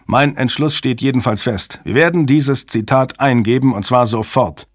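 A man voicing a forceful male agency director who speaks with emphatic authority. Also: medium pitch, moderate pace, no echo, clean studio sound, natural voice. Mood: commanding. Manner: commanding, emphatic.

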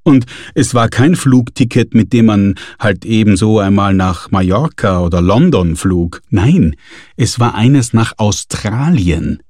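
A man reading a novel aloud as narrator in a measured, even storytelling manner. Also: fairly low pitch, no room sound, clean studio sound. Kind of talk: audiobook narration.

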